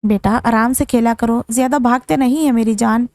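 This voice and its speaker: A woman's voice: a little high, fairly even intonation, normal speed, a little mellow, dry recording, studio quality, natural voice. A woman voicing a stern, impatient young husband and father in a firm, brusque way.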